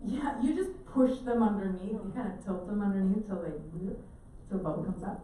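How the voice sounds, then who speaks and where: A woman giving a talk to a live audience, telling animated stories and acting out the voices in them. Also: medium pitch, moderate pace, a little hiss or hum. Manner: animated, acts out quotes with laughter. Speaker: presenter giving an octopus talk. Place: indoor event space with audience. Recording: echoey room, mic from a distance, faint ambience.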